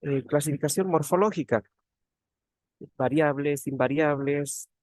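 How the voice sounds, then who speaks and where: A teaching assistant runs an online grammar class over a video call, his slightly high voice coming through a computer mic with no echo. He speaks unhurriedly, repeats key words and asks tag questions.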